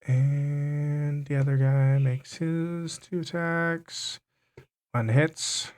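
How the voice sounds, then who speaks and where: A man narrating as game master, unhurried and often stumbling over his words. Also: a little high, little pitch movement, darkish tone.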